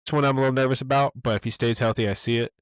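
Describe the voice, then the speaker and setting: A man's voice: mid-range voice, steady tone, racing, smooth, no echo. Easygoing man listing his bets. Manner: easygoing, lists picks one by one. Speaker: podcast co-host. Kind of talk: casual sports-betting chat.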